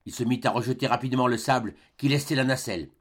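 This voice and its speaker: A man giving scripted audiobook narration in a measured, dramatic storytelling manner. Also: mid-range voice.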